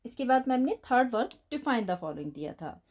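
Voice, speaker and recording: A woman teacher with an Indian accent and a fairly high, very animated, slightly mellow voice explains answers in a bilingual children's lesson. She dictates English slowly, explains quickly in Hindi, spells words letter by letter, and calls the children "beta."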